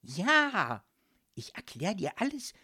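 A woman voicing a cheerful, vain male ghost in striped pajamas who talks in breathy, secretive whispers. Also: medium pitch, wildly swooping pitch, takes it slowly, pushed and bright, voice pushed up, heavily acted. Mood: serious.

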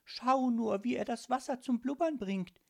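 A man's voice: extremely high pitch, unhurried, creaky, darkish tone, pitched above the performer's own voice, exaggerated voice. A man doing a polite, sweet young girl. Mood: delighted. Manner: polite, chirpy. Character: polite sweet twelve-year-old girl.

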